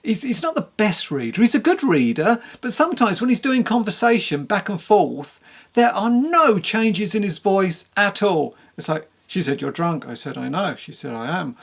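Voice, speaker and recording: Very animated and speaking at normal speed, a person gives a candid, rambling book review to camera. The medium-pitched voice is creaky and the manner is conversational.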